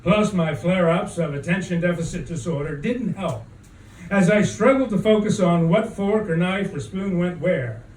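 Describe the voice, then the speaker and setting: A man reading a spoken-word story at an open mic, with a deliberate, halting, dramatic delivery and drawn-out pauses. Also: high-pitched, a little mellow. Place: echoing room at an open mic event. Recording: roomy, distant mic, faint background noise.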